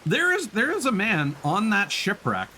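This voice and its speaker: A game streamer with a high voice thinks aloud during play, his pitch swooping wildly as he gives casual live commentary. The tone is sharp and the pace moderate, and faint game noise hums in the background.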